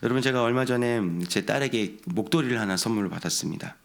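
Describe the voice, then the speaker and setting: A man's voice: mid-range voice, fast talker, vocal fry. A middle-aged man preaching an early-morning sermon as pastor, earnestly acting out heartfelt prayers with a raised voice.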